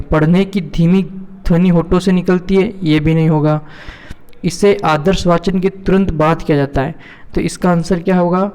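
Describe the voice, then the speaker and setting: High-voiced man teaching with hall reverb. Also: darkish tone. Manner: repeats each question, asks and answers it himself. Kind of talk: exam-prep lesson, reading out and explaining multiple-choice questions.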